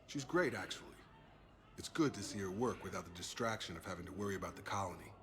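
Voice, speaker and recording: Low-pitched male loyal ex-soldier, easygoing, sincere, informal, video game dialogue. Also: animated, fast talker, fairly bright tone. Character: loyal, upbeat former soldier, expectant father.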